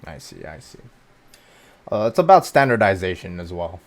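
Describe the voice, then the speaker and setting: Low-voiced excitable male podcast host. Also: normal speed. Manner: excitable, rambling, many fillers. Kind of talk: casual chat.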